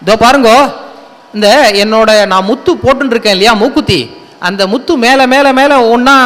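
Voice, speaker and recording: A man's voice: high voice, fairly bright tone, big-room sound. A man voicing a playful young goddess wife who teases her husband. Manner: teasing, coaxing.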